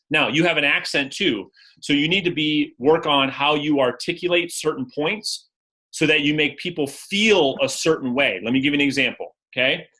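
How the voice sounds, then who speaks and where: Male sales coach, bright and forceful, slightly high voice, direct and energetic delivery over a video call. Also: poor audio. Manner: energetic, direct, role-plays sales scripts. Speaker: real estate coach.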